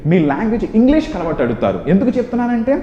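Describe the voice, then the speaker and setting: A man with a Telugu accent teaching spoken English, drilling phrases in rapid rhythmic lists. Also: high voice, big pitch swings, dark tone. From India. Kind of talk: classroom English lesson. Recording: echoey room, dull sound, music behind.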